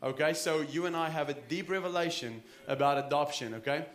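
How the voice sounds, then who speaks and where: Speaking briskly in a slightly high, somewhat bright voice, a pastor in his thirties preaches in an echoey church sanctuary. He has a South African accent. The sermon is earnest and conversational, and he often restarts.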